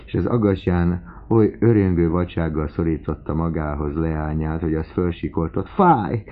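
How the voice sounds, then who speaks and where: A man narrating a classic novel as an audiobook, in a measured, even delivery. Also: low voice. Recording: tinny phone-like lo-fi recording with faint hiss.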